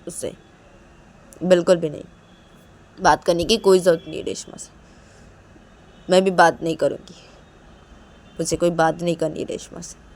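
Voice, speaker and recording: A woman's voice: mid-range voice, normal speed, dark tone, pitched above the performer's own voice, lightly acted. A woman voicing a heartbroken young woman who insistently repeats herself. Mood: upset, insistent.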